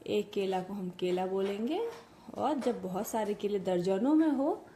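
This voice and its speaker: A woman's voice: mid-range voice, animated, a little slow, warm tone, slight background noise. A young woman teaching a grammar lesson to children, explaining patiently and asking the class questions in a sing-song way.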